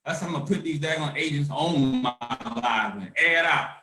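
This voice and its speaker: A man's voice: fairly high pitch, fairly quick, far from the mic, over music. Fiery man, roomy echo. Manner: fiery, swinging from shouting to hushed calm. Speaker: host of a conference call. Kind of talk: impassioned activist talk.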